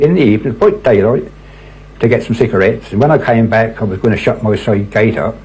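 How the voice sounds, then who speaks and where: A man's voice: medium pitch, dark tone, slightly rough, low-quality recording. An older man, earnestly telling anecdotes as a local resident, quoting conversations as he goes. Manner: earnest, repeats "he said" and "she said" as he acts out reported talk. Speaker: local resident and court usher telling his experiences. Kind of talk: anecdotal storytelling.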